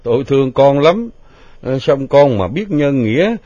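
Brief: a man playing a strict middle-aged father, lively rising voice, dry dull lo-fi storybook recording. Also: medium pitch, unhurried, dry recording. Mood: stern. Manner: stern, then incredulous. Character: stern middle-aged district chief father.

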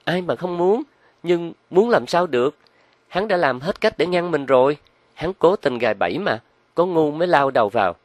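A man voicing an anxious, impatient young woman who speaks in a shrill tone in a spoken story. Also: animated, moderate pace, no room sound, lightly acted. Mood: scornful.

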